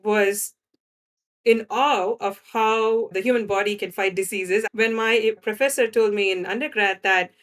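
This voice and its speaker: A woman from India with an Indian accent speaks in a steady, mid-range voice, a little slowly. She's a guest scientist in drug development explaining her work in a conversational interview, often checking in with "right?".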